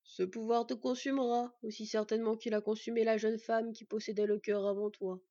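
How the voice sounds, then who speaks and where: A woman voicing a gentle, grave old one-eyed god who speaks softly and kindly, on a dull lo-fi recording. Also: a little high, little pitch movement, dry recording, close to an everyday voice. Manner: soft, kindly, measured.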